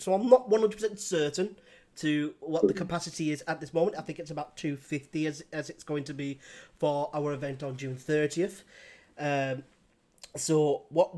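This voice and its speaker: Interviewer, male, slightly high voice, rambling and halting. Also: darkish tone. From England. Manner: rambling, laughs often, halting restarts. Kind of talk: casual interview chat.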